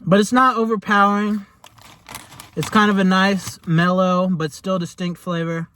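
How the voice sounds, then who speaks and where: A man's voice: sits high, level tone, normal speed, fairly bright tone, slight background noise. A man giving a casual, rambling food review in a laid-back, chatty way, as host of a taste test. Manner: rambling, laid-back, hesitant phrasing with lots of "like".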